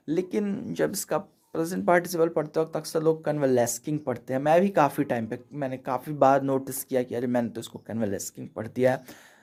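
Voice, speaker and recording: A man's voice: on the high side, darkish tone. A man from India giving a casual, chatty vocabulary lesson over slides, explaining each word and checking in with "theek hai" after every point. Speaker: English teacher.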